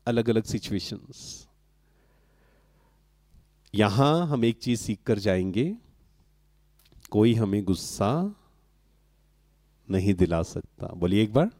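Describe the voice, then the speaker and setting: A man's voice: lowish voice, sing-song, takes it slowly, long pauses, darkish tone, no echo. A man giving a spiritual talk to a live audience, asking questions and answering them himself. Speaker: spiritual speaker addressing an audience.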